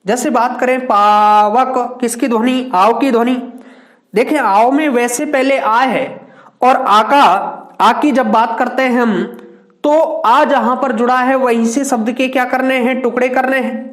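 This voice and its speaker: Slow, high-voiced male teacher. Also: fairly even intonation, a bit bright. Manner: asks questions and answers them himself; slow, drawn-out word examples. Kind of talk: classroom grammar lesson. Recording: echoey room.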